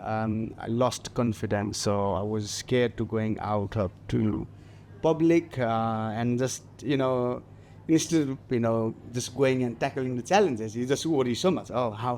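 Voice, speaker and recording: A man in his forties from Nepal, speaking with a Nepali accent, talking haltingly with many fillers as a guest on a festival stage interview. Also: mid-range voice, darkish tone, a little hiss or hum. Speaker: guest mountaineer.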